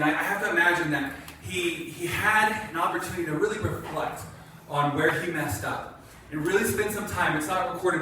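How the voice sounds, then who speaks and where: A man's voice: a little high, sharp tone. A man pastor giving a conversational sermon, acting out quotes and asking the congregation questions. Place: church sanctuary. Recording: echoey church hall from a distance, faint noise.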